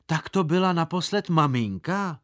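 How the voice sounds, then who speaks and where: A man's voice: a little high, lively intonation, fairly bright tone, voice pushed up. A man reading a story aloud, voicing a stern father who scolds and questions his son sarcastically. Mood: sarcastic.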